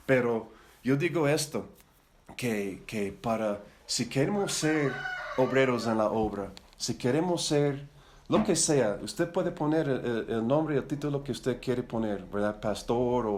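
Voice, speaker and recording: A middle-aged man who learned Spanish as a second language, not his first, leads a Bible study for church leaders at a measured pace, his medium-pitched voice somewhat dark in tone. His casual, conversational teaching is chatty and rambling, with repeated words and frequent tag questions seeking agreement.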